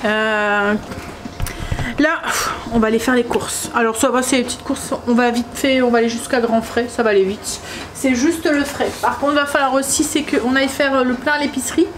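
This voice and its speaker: A woman with a northern French accent talks casually to camera in her kitchen, rambling and filling pauses with hesitations. Her voice sits high for a woman. The recording carries clear background noise. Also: fairly even intonation. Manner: chatty, rambling, many hesitations. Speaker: vlogger. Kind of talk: casual home vlog chat.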